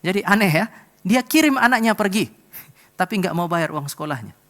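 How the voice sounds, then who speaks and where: Male pastor, middle-aged, gravelly, storytelling to the congregation from the pulpit. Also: sits high, lively intonation, a little fast, a bit bright. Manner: storytelling, addresses congregation directly. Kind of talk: sermon with personal story. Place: church.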